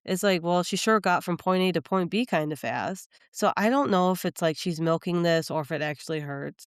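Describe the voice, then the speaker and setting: A woman co-host chats in a smooth, clear voice. She recaps the episodes in a lively way and acts out the quoted lines. The sound is dry and close to the mic. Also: fairly low pitch, a little fast, no room sound. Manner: chatty, animated retelling with quoted lines. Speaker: podcast co-host. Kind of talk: casual chat recapping reality TV.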